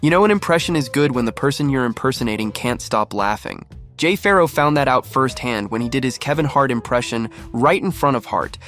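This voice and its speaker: A man reads a scripted comedy compilation in an even, upbeat storytelling tone. His voice sits at a middling pitch, and a faint music bed plays under it. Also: fairly quick. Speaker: narrator. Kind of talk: scripted narration.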